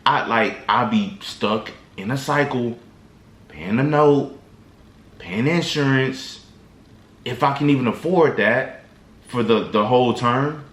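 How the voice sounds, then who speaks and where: Slow and pausing often, this vlogger has a mid-range voice with a fairly bright tone. His motivational advice to viewers is casual, slangy and rambling, with many restarts, and the room is echoey.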